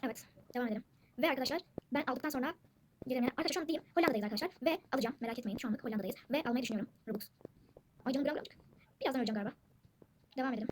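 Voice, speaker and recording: Fast-talking high-voiced female gamer. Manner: chatty, addresses viewers constantly. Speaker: gaming channel host. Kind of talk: casual gameplay commentary. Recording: noisy background with siblings chattering. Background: siblings talking in the background.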